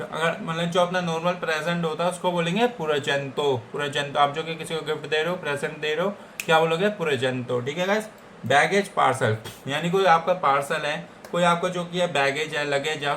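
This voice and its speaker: A man's voice: on the high side, fairly bright tone, a little hiss or hum. A man with an Indian accent teaching Japanese vocabulary in a casual lesson, repeating each word and checking in with his listeners. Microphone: computer setup.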